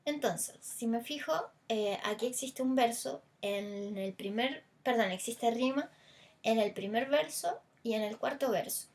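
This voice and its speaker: A Chilean woman gives a recorded language lesson in a somewhat high voice. She walks through examples patiently, drawing out the stressed vowels of words to show them. Her explanation runs along with small hesitant fillers. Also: measured pace, a little mellow. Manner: stretches stressed vowels to demonstrate. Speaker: teacher.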